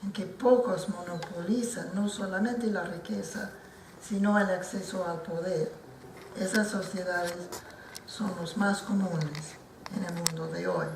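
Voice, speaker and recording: A non-native older woman giving formal comments at a book presentation, speaking slowly and carefully and often restarting her words. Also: on the low side, background noise. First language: not Spanish. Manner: slow and careful, with frequent restarts. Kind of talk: formal talk at a book launch. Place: lecture hall at an institute. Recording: roomy hall picked up from a distance.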